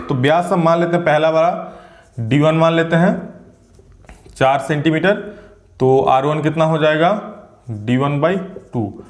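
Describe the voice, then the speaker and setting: A man's voice: a little high, unhurried, long pauses. A male teacher explaining a math exam problem in a chatty way, asking and answering his own questions. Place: room at home at night. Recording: echoey room.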